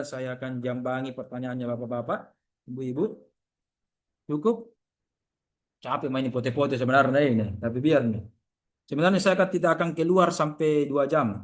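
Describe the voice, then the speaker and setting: A man from the region lecturing over a video call. He talks in a lively way, repeats examples and keeps asking his listeners to agree. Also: medium pitch. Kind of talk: online university lecture.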